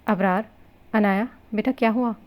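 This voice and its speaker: A woman voicing a concerned older father who advises calmly and firmly, in a novel reading. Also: mid-range voice, natural voice. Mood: fatherly. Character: concerned older father, gentle but firm. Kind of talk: novel reading with character voices.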